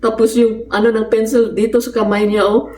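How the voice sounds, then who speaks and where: A woman's voice: on the high side, little pitch movement, a little fast, a little mellow. Woman from the Philippines, casual cooking vlog chat, laughs a lot, roomy echo, faint background noise. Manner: chatty storyteller, laughs often. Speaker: vlogger. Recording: echoey room, mic at a distance.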